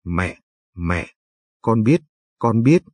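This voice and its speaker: A man reading the part of a weakened, gentle young man who speaks softly and hesitantly, in an audiobook narration. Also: lowish voice, animated, normal speed, husky, dry recording. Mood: gentle weary. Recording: dry, faint background music.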